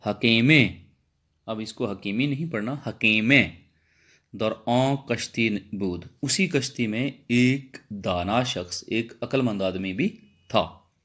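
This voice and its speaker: Taking it slowly, a man with a mid-range, fairly bright voice teaches a line-by-line text explanation lesson. As a Persian lecturer, he reads a Persian text phrase by phrase and restates each in simple terms.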